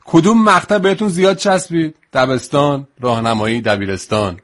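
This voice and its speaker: A man's voice: fairly high pitch, fairly bright tone. A man hosting a radio interview, asking questions in a friendly, teasing way. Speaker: radio host.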